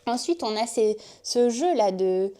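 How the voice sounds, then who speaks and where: A woman hosts a knitting video podcast and chats casually with her viewers. Her voice sits a little high, and she talks freely, often laughing and poking fun at herself. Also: expressive, a little slow, dark tone. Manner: chatty, laughs often, self-mocking. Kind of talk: casual chat to camera.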